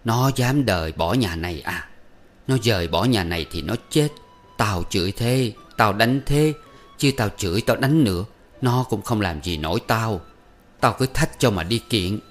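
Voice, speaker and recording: A man's voice: on the low side, moderate pace, soft background music, close to an everyday voice. A man reading aloud and voicing a bitter, domineering old mother who scolds harshly. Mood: scolding.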